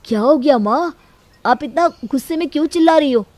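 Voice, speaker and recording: A woman voicing a young adult son who tries to calm his mother. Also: high voice, fairly quick, no echo. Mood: worried.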